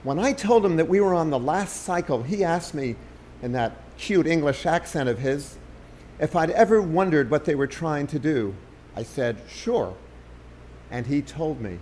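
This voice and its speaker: A man's voice: on the high side, lively intonation, normal speed, darkish tone, a little hiss or hum, close to an everyday voice. A man reading the lines of an anxious, urgent young American man in an audiobook.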